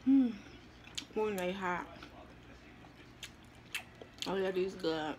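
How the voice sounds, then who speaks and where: A woman talks to her viewers with her mouth full, chewing as she goes. Her voice sits at a middle pitch, easy and drawling, recorded close up indoors. A faint hum of room noise sits behind her. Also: extremely slow. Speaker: mukbang vlogger. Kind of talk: casual chat while eating.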